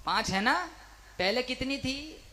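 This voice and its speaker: A man's voice: very high voice, expressive, takes it slowly, bright, forceful tone. A male preacher giving a fervent sermon, rousing the listeners and calling on them to answer back. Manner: fervent, rousing, calls for crowd responses.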